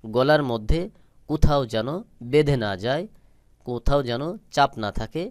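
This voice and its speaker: Here a man with a smooth, medium-pitched voice talks at a normal speed, patiently teaching how to pronounce the letters of the Quran. He repeats and elongates each sound in a slow, instructive, step-by-step way, with no room sound present.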